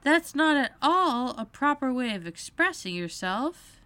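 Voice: sits high, big pitch swings, unhurried, sharp tone, clear, resonant tone, no echo, pitched above the performer's own voice, exaggerated voice. A narrator voicing an earnest, prim and inquisitive young girl in a storybook reading.

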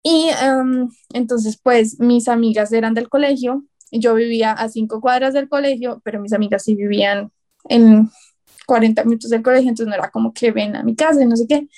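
High, mellow Colombian woman telling stories. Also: normal speed. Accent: Colombian Spanish. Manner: lively, acts out quotes, laughs often. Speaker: guest, writer. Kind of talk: casual storytelling conversation.

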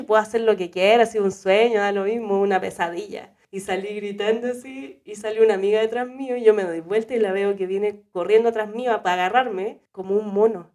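A young woman with a Chilean accent telling a story in casual chat, animated, shrieking when she quotes people. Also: fairly high pitch. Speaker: podcast co-host.

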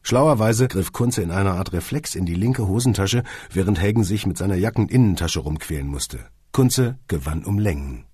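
A male audiobook narrator with a low, husky, slightly mellow voice reads scripted narration at normal speed in an animated manner. His humour is wry and dry, and now and then he addresses the listener directly. The recording is dry.

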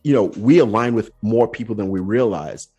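A young man hosting a podcast, telling stories in a relaxed, chatty way full of "like" fillers. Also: on the low side, normal speed, faint music behind. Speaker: podcast host. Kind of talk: casual conversational storytelling.

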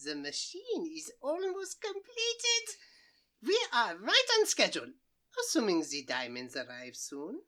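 Comic radio play: woman as a German-accented mad professor, bright, shrill and blustering. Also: huge pitch swings, measured pace, heavily acted. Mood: pompous, ranting. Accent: put-on German. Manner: blustering, manic cackling. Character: boastful eccentric male mad scientist. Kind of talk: comic old-time radio play acting.

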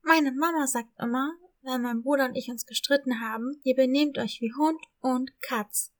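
Timid lost kitten girl, high and fearful, played by a woman. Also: normal speed, close to an everyday voice. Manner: fearful, hesitant.

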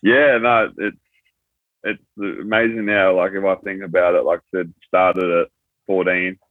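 A man's voice: low voice, fairly even intonation, a little slow, dry recording. A man in his twenties with an Australian accent, a rugby player telling his story in a laid-back, rambling, slangy way. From born in Thailand, raised in rural New South Wales, Australia. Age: 20s. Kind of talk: casual interview chat. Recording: tinny phone-like line, dry.

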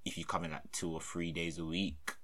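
A young man with a London roadman accent, chatting casually with a friend in slangy, sweary, animated banter. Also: sits low, brisk. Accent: London, roadman slang style. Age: young adult.

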